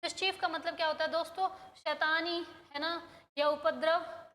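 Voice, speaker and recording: A woman with a Hindi accent teaching an English grammar lesson, drilling word lists and quizzing her students in a brisk, coaxing way. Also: very high-pitched, steady tone, a bit bright, long reverb tail. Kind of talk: classroom-style grammar lesson. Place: coaching institute in India.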